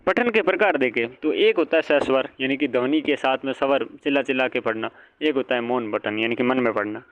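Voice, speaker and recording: A brisk male teacher with a medium-pitched voice gives an exam-prep lecture in dull lo-fi sound. He answers the questions he poses and repeats each point.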